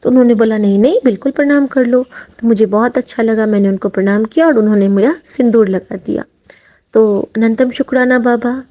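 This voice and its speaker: A middle-aged woman from the Mithila region of India gives a heartfelt devotional testimony, frequently calling her listeners "sangat ji." Her voice is a little high, brisk and warm, and the audio is lo-fi.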